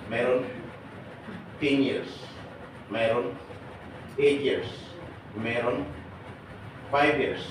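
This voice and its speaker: A man addresses a crowd in a large hall, joking and firing short questions at them. His voice sits at a middle pitch. The sound is very echoey and heard from far off, with clear noise behind it. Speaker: seminar speaker for departing overseas workers. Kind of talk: lively seminar talk to an audience.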